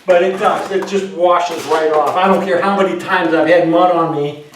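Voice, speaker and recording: This man, a drywall finisher and host, shows how to tape drywall in a garage under repair, talking in a casual, joking, rambling way. His fairly high voice keeps a fairly even intonation at a moderate pace, and the recording is noisy and echoey from a distant mic.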